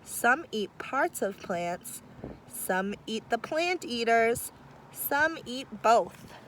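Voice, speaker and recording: Storytime happens outdoors near trees as a woman teacher, her voice on the high side, reads a picture book aloud to children. The delivery is slow and warm with lively chatty asides, and the recording is low quality with a bit of hiss or hum.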